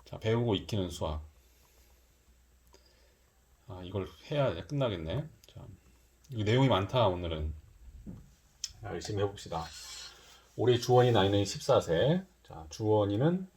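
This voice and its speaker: A middle-aged math tutor teaches a middle school lesson casually, thinking aloud and mixing polite with casual speech. His voice is fairly low and mellow, with slight background noise.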